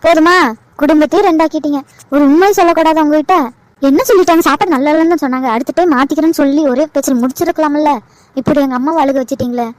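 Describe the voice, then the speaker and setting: A woman's voice: high-pitched, steady tone, racing, darkish tone, dry recording, natural voice. A woman voicing a protective young daughter in an amateur cartoon, speaking in a pleading, indignant way.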